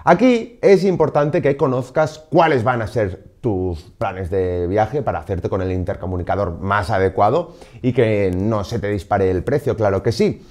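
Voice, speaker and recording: A man with a fairly low voice presents products for a motorcycle gear shop, delivering a scripted explainer to camera from behind a desk on an indoor studio set. He speaks at a normal speed, lively and emphatic, peppering his lines with "pues" and "eh."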